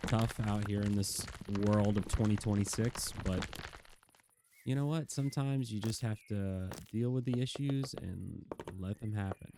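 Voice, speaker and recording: A gaming YouTuber in his thirties gives casual, rambling, earnest commentary over a game, chatting to the viewer and teasing the animals in it. His voice is lowish and mellow, with a little hiss or hum.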